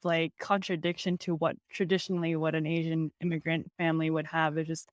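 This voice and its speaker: A young woman with a low-set voice talks as a guest in a casual interview. She is relaxed and laughs easily between loose, filler-heavy sentences. The recording is close and dry, with no room sound. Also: brisk, dry recording.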